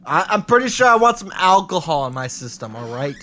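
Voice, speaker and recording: A man joking and bossing his friends around during a game, teasing and quick to laugh. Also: high voice, very animated, crowd noise. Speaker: gaming friend. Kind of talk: casual gaming chat with friends. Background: game music.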